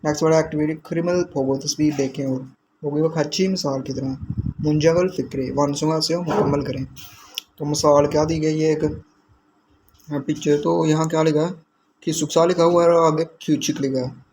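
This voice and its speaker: Man teaching vocabulary slowly, slightly high voice. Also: fairly even intonation, darkish tone, a little hiss or hum, low-quality recording. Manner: slow, repeats and glosses each word. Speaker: language teacher. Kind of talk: explaining vocabulary to learners.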